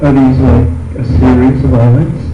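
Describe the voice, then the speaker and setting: A man's voice: mid-range voice, little pitch movement, normal speed, noisy background. A man asking casual questions as a pageant judge. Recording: dull, echoey, music behind.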